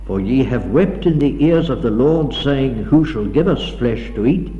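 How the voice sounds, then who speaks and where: Old 60s tape of a guy preaching in a big echoey hall, slow dark voice, dull sound. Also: mid-range voice, animated, a little hiss or hum. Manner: dramatic, declaiming reading of scripture. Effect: old 1960s tape recording. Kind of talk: sermon with scripture reading. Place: lecture hall.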